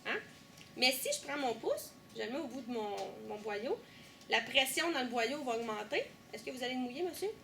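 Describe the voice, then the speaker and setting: A young woman with a Québécois accent guiding a tour group through an underground power station, lively, asking questions and teasing. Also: sits high, normal speed. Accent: Québécois French. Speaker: tour guide. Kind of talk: guided tour explanation.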